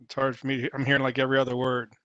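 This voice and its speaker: A man's voice: mid-range voice, monotone, very fast, a bit bright, no room sound. A board member at a public hearing, a man speaking plainly and directly through muffled video-call audio that sounds distant. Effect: muffled, lo-fi remote call audio. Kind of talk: virtual meeting talk.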